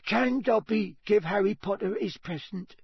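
A man voicing a small, anxious, adoring house-elf servant with a squeaky voice and servile, broken speech for an audiobook. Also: normal speed, vocal fry, a little mellow, breathy edge, no room sound, full character voice. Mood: anxious, eager. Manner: servile third-person speech with broken grammar. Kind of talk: audiobook character voice.

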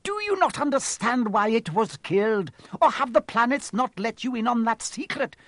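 A man's voice: high-pitched, animated, moderate pace, no echo, voice pushed up. A man voicing Firenze, a noble young centaur. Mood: impassioned. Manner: urgent, solemn and impassioned. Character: noble young male centaur, earnest and protective.

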